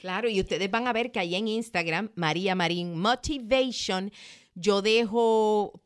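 A woman hosting a motivational podcast, talking in a lively way and acting out quoted lines. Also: medium pitch, measured pace, smooth. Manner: lively, laughs often, acts out quotes. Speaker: podcast host.

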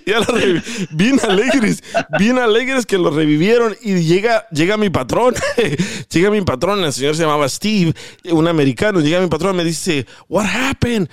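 A man's voice: high voice, normal speed, dry recording, studio quality. A man hosting a casual chat, telling funny stories and laughing often. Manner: laughs often, animated storyteller. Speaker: show host.

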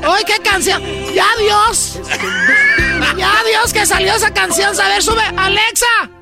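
A woman's voice: very high-pitched, steady tone, slow, creaky, over loud music, heavily acted. A woman playing a jealous, nagging Mexican housewife who scolds her husband in sarcastic rants, with a Mexican accent. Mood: exasperated. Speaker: comedy sketch performer.

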